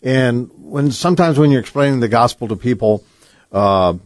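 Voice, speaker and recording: Mid-pitched male radio host, halting. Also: dry recording. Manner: conversational, halting, with many fillers.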